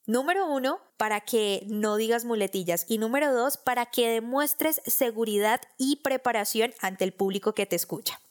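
A woman's voice: fairly high pitch, moderate pace, few pauses. Woman hosting a speaking-skills podcast. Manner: clear, instructive, addressing the listener directly. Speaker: podcast host. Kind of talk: scripted podcast lesson on public speaking. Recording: section headings read over loud electronic music.

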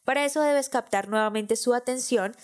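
A woman hosting a podcast, teaching public speaking in a clear, measured, explanatory way. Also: a little high. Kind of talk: scripted podcast lesson.

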